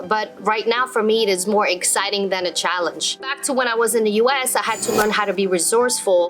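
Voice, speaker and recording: A woman in her thirties with a mid-range, fairly bright voice speaks straight to the camera, sharing her own story unscripted and offering viewers advice. Born in Morocco and raised in Belgium, she works as a travel vlogger and business coach.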